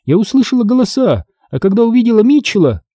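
A man's voice: sits high, sing-song, fast, warm tone, no echo, clean studio sound, pitched above the performer's own voice. A man voicing an eager young neighbor girl in an audiobook, asking questions. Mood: curious.

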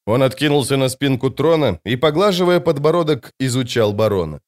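A man reading an audiobook in a measured, even narration. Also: medium pitch. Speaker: audiobook reader. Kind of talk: scripted narration.

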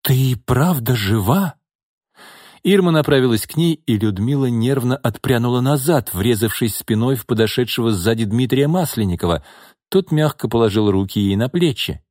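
A man narrating a dramatic audiobook in an expressive manner. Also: medium pitch, fairly quick, no room sound, clean studio sound.

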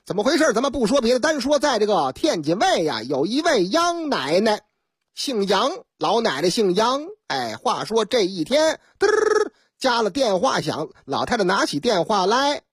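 A woman's voice: a little high, moderate pace, husky, no room sound, studio quality. A woman radio host with a Beijing accent, telling comic stories in a chatty, teasing way. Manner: chatty, teasing, lively asides. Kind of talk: Beijing-dialect comic storytelling.

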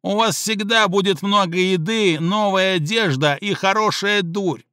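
A man voicing a brutal, cunning male gang leader who talks slowly and heavily. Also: high voice, pushed and bright, clear, resonant tone, no room sound, clean studio sound, voice pushed up. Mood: menacing.

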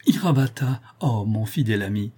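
A man's voice: on the low side, lively intonation, normal speed, mellow, breathy edge. A man doing an eager young princess. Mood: excited. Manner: eager, exclaiming. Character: excited young princess, affectionate.

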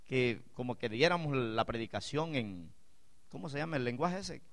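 A male pastor preaching a sermon, moving from chatty asides with the congregation to impassioned, loud exclamations. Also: mid-range voice, lively intonation, moderate pace.

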